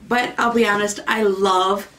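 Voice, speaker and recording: A woman's voice: medium pitch, fairly even intonation, measured pace, bright, forceful tone. A woman beauty vlogger casually chatting through a makeup unboxing, rambling and easily delighted, sometimes in a sing-song voice.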